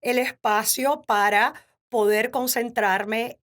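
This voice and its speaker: Woman, 50s, Cuban accent, interview guest, animated, laughs often. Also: on the high side, takes it slowly. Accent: Cuban Spanish. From Cuba. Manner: warm, animated storytelling with frequent laughter. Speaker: podcast guest. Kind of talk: casual interview talk.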